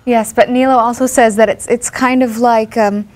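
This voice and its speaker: Woman, actress guest, somewhat high voice, clear explaining, casual interview. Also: steady tone, moderate pace, a little mellow. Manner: explains things clearly with small fillers.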